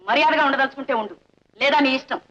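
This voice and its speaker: A woman's voice: high-pitched, fast, fairly bright tone. An actress playing a domineering, proud mother-in-law who speaks in a haughty, commanding way, in a film melodrama. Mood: threatening. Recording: dull old film soundtrack.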